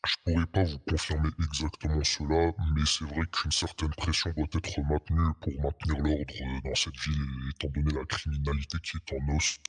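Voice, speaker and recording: In a role-play interview, a man plays an anonymous police officer giving guarded, hesitant, formal testimony, his voice disguised and artificially deepened by a pitch-lowering voice changer. He sounds measured, with flat delivery, a moderate pace and a breathy edge. Long echoing reverb leaves the voice muddy.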